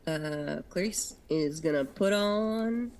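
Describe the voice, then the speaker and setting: A woman talking casually and haltingly as a player in a tabletop game. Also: low-pitched, darkish tone, rough recording. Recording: faint background noise.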